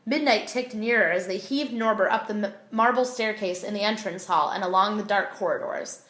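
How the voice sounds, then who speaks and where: A woman reads a children's novel aloud with expressive, clear storytelling. Her voice sits at a middle pitch in an echoey room. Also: normal speed. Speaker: audiobook reader.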